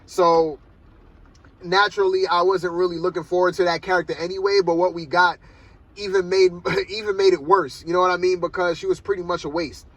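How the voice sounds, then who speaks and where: A man talks through a film review in a laid-back, meandering way, leaning on "like" and "man" as he goes. His voice sits high and has a sharp, bright edge. He is recording from the driver's seat of his car. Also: fairly even intonation, fairly quick, dry recording, highs cut off. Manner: rambling and loose, peppered with "like" and "man". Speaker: movie reviewer. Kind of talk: casual spoken film review. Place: inside a parked car.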